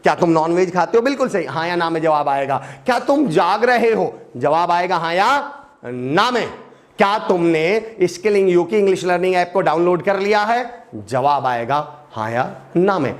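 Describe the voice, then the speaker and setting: A middle-aged man teaching an English lesson in an animated way, asking and answering his own questions. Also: high-pitched, normal speed. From India.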